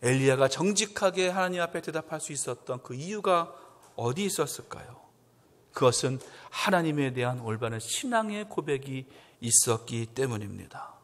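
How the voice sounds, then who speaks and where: A man preaching a Sunday sermon as pastor, acting out quotes with swings up to loud, emphatic peaks. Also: medium pitch, lively intonation, normal speed. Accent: Korean. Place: church sanctuary. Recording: long church hall reverb.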